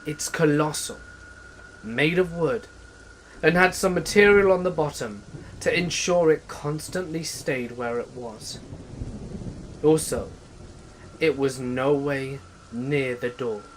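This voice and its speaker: A man narrating scary stories in a steady, measured storytelling manner. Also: a little high, a little hiss or hum, low-quality recording. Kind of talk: scripted horror story narration. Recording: faint rain ambience behind voice. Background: faint rain ambience.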